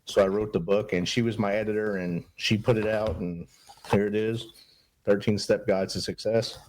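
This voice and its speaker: A man's voice: lowish voice, fairly even intonation, normal speed, darkish tone, slight background noise. A middle-aged man, a podcast guest, speaking in an earnest, upbeat and motivational way in a casual interview. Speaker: podcast guest, Army veteran and mentor.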